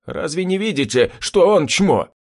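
A man's voice: fairly high pitch, very animated, normal speed, breathy edge, voice pushed up, heavily acted. A man doing a snarling lanky cult boss. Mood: angry, contemptuous. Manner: barking, snarling threats. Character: gruff lanky male cult boss, menacing.

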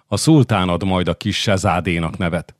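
A man's voice: low-pitched, no room sound, clean studio sound, lightly acted. Man reading an old muttering midwife. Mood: calm. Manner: muttering, murmuring. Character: old Greek midwife woman, muttering and brisk. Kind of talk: audiobook character voice.

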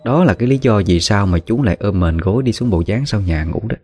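A man narrating a horror story in a relaxed, conversational way with spoken fillers. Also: lowish voice, fast talker, slightly rough. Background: faint guitar music.

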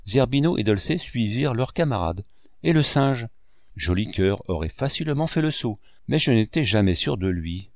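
A man narrating a classic novel in a measured storytelling manner. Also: on the low side, animated, no echo, studio quality. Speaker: audiobook narrator.

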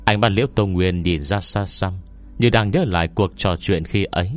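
A man's voice: deep voice, moderate pace, soft background music. A man reading scripted fiction as an audiobook narrator.

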